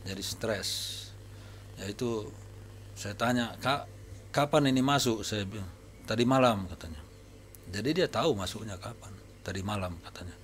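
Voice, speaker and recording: A man preaching to his congregation as a pastor, telling anecdotes from his visits in a relaxed, conversational way. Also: lowish voice, slight background noise. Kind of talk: sermon testimony to a congregation. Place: church service.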